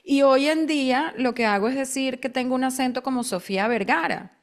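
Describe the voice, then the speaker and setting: A woman co-hosting a podcast, talking in a lively, chatty way with quick bursts while asking her guest questions. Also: sits high. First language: Spanish. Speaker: podcast co-host. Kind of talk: casual podcast conversation.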